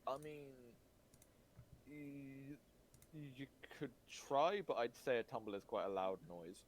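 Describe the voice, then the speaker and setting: A man's voice: mid-range voice, slow pace, slight background noise. Rambling man running a tabletop game. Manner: rambling, restarts sentences, swears casually. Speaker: game master.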